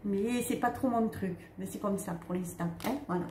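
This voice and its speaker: Chatty woman medium, mellow voice. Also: mid-range voice. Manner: chatty, many "hein" and "d'accord" tags, halting restarts. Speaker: spiritual medium giving a card reading. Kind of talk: casual spiritual talk to viewers. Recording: echoey room with faint ambient noise.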